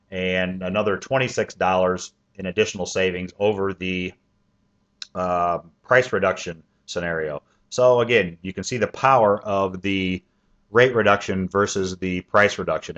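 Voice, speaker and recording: A man with a very low voice pitches a home loan plan, walking through the figures one at a time. He fills his pauses with plenty of "uh" and "um". The recording sounds dull and lo-fi. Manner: steady step-by-step explaining with frequent "uh" and "um" fillers. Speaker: mortgage loan officer. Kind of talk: sales pitch explaining a financing plan.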